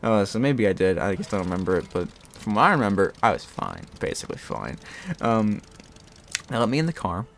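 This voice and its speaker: A man's voice: lowish voice, a little fast, vocal fry, slight background noise. Man rambling through a casual personal story. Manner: rambling and self-interrupting, with animated re-enacted dialogue; often laughs while talking. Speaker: storyteller recounting own experience.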